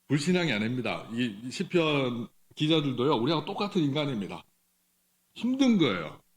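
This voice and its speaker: A middle-aged man preaching a sermon in a church, speaking conversationally, asking the congregation questions, with some halting restarts. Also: mid-range voice. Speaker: pastor. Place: church sanctuary.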